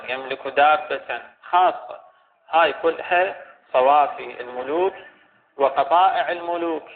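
A man teaching a religious legal text in a lecture, pausing and restating phrases as he explains. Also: on the high side. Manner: halting, repeats and restates phrases while explaining. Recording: tinny phone-like recording with faint hiss.

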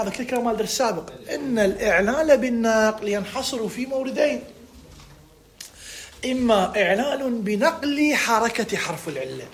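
A man with an Iraqi Arabic accent teaching a recorded lesson, stretching out key words, repeating them, and posing students' questions to himself before he answers. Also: very high voice. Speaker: religious school teacher of Arabic morphology. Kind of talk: recorded lesson, live-streamed.

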